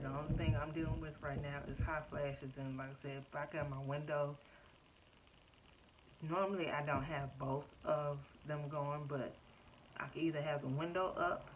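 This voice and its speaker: Slow low-voiced woman vlogging at home. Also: slight background noise, rough recording. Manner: chatty, frequent "um" and "like", addresses viewers as "y'all". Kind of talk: casual personal update to camera.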